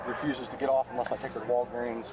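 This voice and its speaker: A man gives police a halting account, filling his pauses with "um." His voice is mid-pitched. The recording comes from a body camera outdoors, with clear background noise. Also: flat delivery. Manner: hesitant, explaining with fillers. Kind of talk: statement to police. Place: outdoors at a house. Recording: noisy body cam audio.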